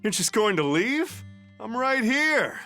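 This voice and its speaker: Slow, swooping, sly sailor. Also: male voice, extremely high pitch, sing-song, heavily acted. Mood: wry. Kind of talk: video game dialogue. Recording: soft game music behind.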